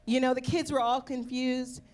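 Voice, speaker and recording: High-pitched woman stand-up, wry punchy comic timing. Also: steady tone, normal speed, a little mellow. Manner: wry, punchy delivery with laughs. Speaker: stand-up comedian. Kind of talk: stand-up comedy set. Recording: played clip of a stage show.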